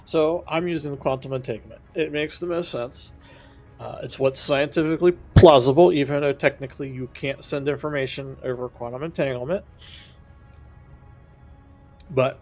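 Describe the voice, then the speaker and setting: A man streaming a space game, thinking out loud in a casual, rambling way and correcting himself as he goes. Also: mid-range voice. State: has the hiccups. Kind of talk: casual gameplay commentary.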